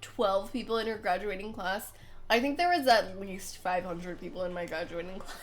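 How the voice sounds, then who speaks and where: A woman's voice: medium pitch, moderate pace. A young woman livestreaming a game, reading it aloud and chatting casually, with a congested, nasal voice as if pinching her nose from a cold. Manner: informal, rambling, self-deprecating.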